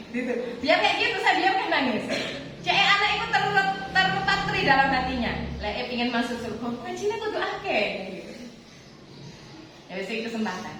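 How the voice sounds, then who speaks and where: A religious teacher with an East Javanese accent gives students a casual lesson that includes a personal story, her voice high-pitched against a noisy background. She asks rhetorical questions and answers them herself, and the echoey room is picked up from a distance.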